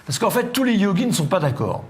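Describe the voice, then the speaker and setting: High-voiced French man giving a lecture. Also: big pitch swings, quick pace. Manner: explanatory, many hesitations and "hein" asides. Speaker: philosophy lecturer. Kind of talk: live lecture to an audience.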